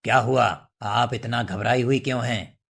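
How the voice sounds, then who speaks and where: A calm tantric holy man in a storybook cartoon, voiced by a man, reassuring and slow. His voice is gravelly and husky. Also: medium pitch.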